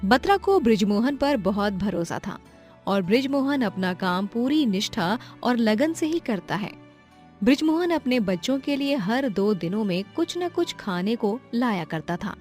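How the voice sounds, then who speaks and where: High-voiced woman narrating a moral story. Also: expressive, unhurried, a little mellow, faint music behind.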